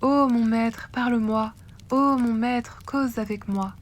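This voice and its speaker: A woman's voice: on the high side, fairly even intonation, takes it slowly. A woman voicing a cruel, jealous sorceress queen who laments over her lover, recited in a storybook reading. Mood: lamenting.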